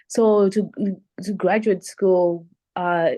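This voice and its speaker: A woman's voice: mid-range voice, fairly even intonation, takes it slowly, dark tone. A woman from Zimbabwe whose first language is not English, answering interview questions in a hesitant conversational way, with frequent restarts. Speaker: panelist.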